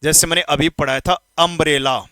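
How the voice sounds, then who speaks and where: A man teaching English grammar in an exam-prep lesson, speaking informally to students and repeating words slowly to drill pronunciation. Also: a little high, steady tone, sharp tone, clear, resonant tone, no echo. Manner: addresses students informally, asks quick questions.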